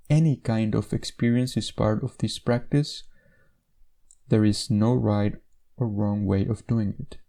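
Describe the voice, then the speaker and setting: Guiding a meditation, this man speaks low and relaxed, a clear creak running through his voice. Soft pauses separate his phrases as he measures out each instruction.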